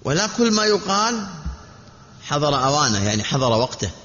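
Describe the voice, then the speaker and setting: Male preacher, slightly high voice, measured sermon delivery, dull reverberant hall recording. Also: very animated, fairly bright tone. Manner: measured, repetitive teaching delivery with rhetorical questions. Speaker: Islamic preacher.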